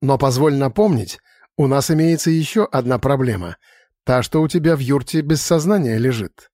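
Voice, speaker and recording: A man's voice: mid-range voice, lively intonation, normal speed, warm tone, no echo, studio quality, lightly acted. Man doing a jovial, laughing mage. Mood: amused. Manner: jovial, amused. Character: cheerful male mage, easygoing and laughing. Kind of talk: audiobook character voice.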